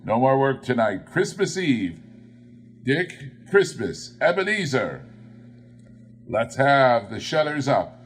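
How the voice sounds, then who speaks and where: A man's voice: mid-range voice, very animated, takes it slowly, long pauses, a little hiss or hum. A man voicing a jovial, fat old merchant in a storybook, calling out heartily in a rich, oily voice. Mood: cheerful.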